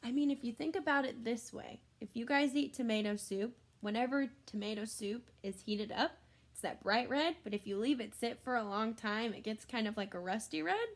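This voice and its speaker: Reading a children's book at normal speed, a woman with a fairly high voice sounds like a teacher. Her delivery is expressive, with exclamations and simple side explanations meant for young children.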